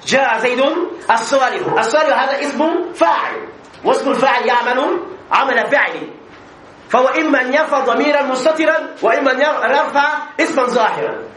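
A man's voice: very high-pitched, brisk, a crowd in the background. A man teaching an Arabic grammar class as a sheikh, asking questions, answering them himself and repeating example phrases. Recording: echoey room with faint background noise.

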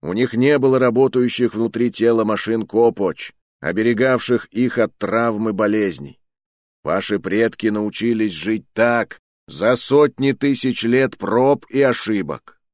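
A booming male mentor, put on by a male narrator, delivers his words in a loud, rehearsed oration. His voice rides somewhat higher and louder than a plain reading, with a dry, close sound. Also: measured pace, no echo, natural voice. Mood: declaiming. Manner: thundering, declamatory speech. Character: booming adult male mentor, grand orator.

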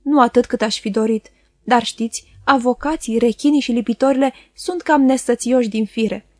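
Woman reading a slippery, falsely humble male clerk from a storybook, soft and ingratiating, mellow and dry, a touch higher than most women. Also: no room sound, lightly acted. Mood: fawning.

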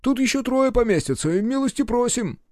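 A man voicing a fat, cowardly nobleman who squeaks and whines in a high voice. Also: expressive, fairly quick, darkish tone, no room sound, clean studio sound. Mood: squeaking. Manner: squeaky, whiny. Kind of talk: audiobook character voice.

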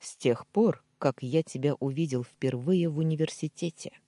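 A reader voicing a calm, possessive, domineering man in an audiobook, in a husky, soft-spoken way. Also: medium pitch, normal speed, no room sound, studio quality, natural voice. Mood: insistent. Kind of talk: audiobook dialogue reading.

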